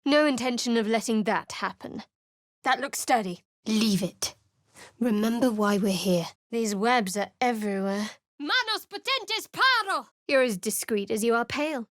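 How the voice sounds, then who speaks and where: Voicing a guarded, sardonic young cleric of a dark goddess, a party companion in a fantasy game, a woman records lines in a studio booth on a close mic, dry and echo-free. Her slightly high voice is animated and incanting at a moderate pace, staying dry, wry and cool with sly sarcasm.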